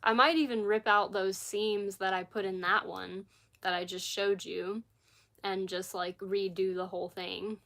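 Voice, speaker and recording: A woman's voice: medium pitch, fairly even intonation, a little slow, fairly bright tone. Woman livestreaming from her living room, scratchy voice, rambly and chatty, lots of likes and ums. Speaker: crochet livestreamer. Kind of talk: casual live chat.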